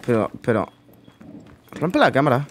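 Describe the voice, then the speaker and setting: A man's voice: medium pitch, very animated, a little slow, a little hiss or hum. A man giving casual, incredulous commentary over his own gameplay, muttering asides to himself. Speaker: gaming YouTuber.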